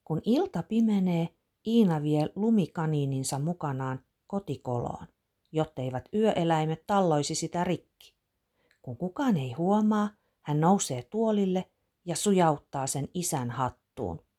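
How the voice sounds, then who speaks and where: A woman reads a children's storybook aloud in a low voice. Her intonation rises and falls with lively expression. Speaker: narrator. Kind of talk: scripted storybook narration.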